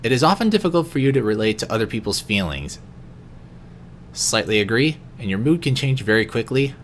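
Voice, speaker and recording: A man reading personality quiz questions aloud in an unscripted vlog, answering each one in a quieter, lower voice with the odd stumble. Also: lively intonation, a little fast, a little hiss or hum. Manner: occasional stumbles and restarts. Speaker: vlogger.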